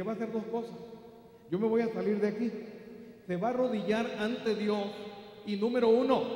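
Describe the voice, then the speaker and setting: A middle-aged Mexican man preaching a sermon as pastor, rising to emphatic peaks and dropping to soft asides. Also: sits high. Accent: Mexican Spanish. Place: large church hall. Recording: very echoey church hall.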